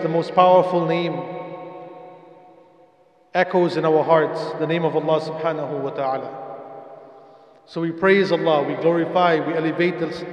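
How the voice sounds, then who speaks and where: A man in his thirties giving a Friday sermon at a stand mic in a mosque, in a measured, repetitive devotional cadence. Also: fairly high pitch, dull audio. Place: mosque prayer hall, indoors. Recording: echoey hall reverb.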